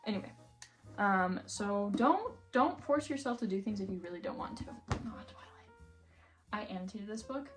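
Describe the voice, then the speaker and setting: A woman's voice: medium pitch, lively intonation, normal speed. Chatty young American woman over music. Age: young adult. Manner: rambling, self-deprecating, giggly, peppered with 'like'. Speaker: vlogger. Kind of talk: casual chatty vlog while organizing books. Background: background music.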